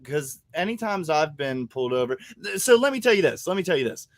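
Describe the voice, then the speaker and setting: Crude-joking man, higher lively voice. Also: fairly quick, dry recording. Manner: crude jokes, short reactions. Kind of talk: casual podcast chat.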